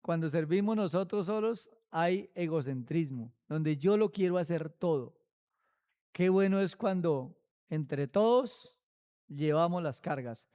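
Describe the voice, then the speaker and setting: High, clear-voiced man preaching a sermon. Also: animated, dark tone. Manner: asks many rhetorical questions, slow and emphatic. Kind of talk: Bible study sermon.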